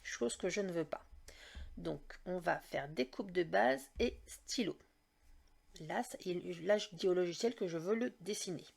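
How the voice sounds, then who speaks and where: A woman's voice: on the low side, measured pace, creaky, darkish tone, breathy edge. A woman hosting a casual step-by-step craft tutorial, chatty and explaining each click as she goes. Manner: chatty, leans on "donc" and "d'accord?".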